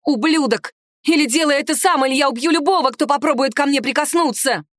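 A woman voicing a proud young noblewoman who shouts in shrill, indignant rage. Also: lively intonation, moderate pace, no echo, clean studio sound. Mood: furious.

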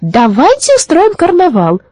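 A woman voicing a cheerful, mischievous little witch in a high, lively, teasing voice. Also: normal speed, slightly rough, dry recording, full character voice. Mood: playful.

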